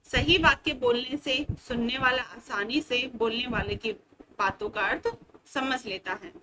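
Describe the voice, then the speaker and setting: Woman teacher going slow through a kids grammar lesson, bright clear voice. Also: a little high, slight background noise, poor audio. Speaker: school teacher. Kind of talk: Hindi grammar lesson for children.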